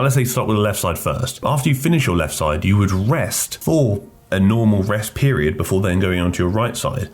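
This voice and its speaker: A man coaching and reacting to a workout video in quick, chatty, joking commentary while under the weather. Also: low voice. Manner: quick, chatty, jokey explaining. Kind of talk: casual commentary.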